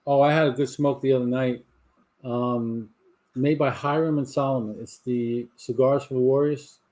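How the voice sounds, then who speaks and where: A man in his sixties with a Southern drawl hosts a casual live cigar show from his garage. His voice sits at a medium pitch. He tells long, meandering stories, stumbling and restarting as he goes. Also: fairly even intonation, moderate pace, darkish tone. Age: 60s. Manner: rambling storyteller with frequent restarts. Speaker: host of a livestream cigar talk show. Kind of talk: casual chat to a live audience. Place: home garage.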